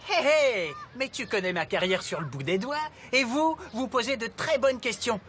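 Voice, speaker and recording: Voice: mid-range voice, animated, normal speed, slight background noise, close to an everyday voice. An actor voicing a vain, cocky star skateboarder in a French cartoon, laid-back and showy. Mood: cocky, casual. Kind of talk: French animated series dialogue. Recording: loud music behind the voice.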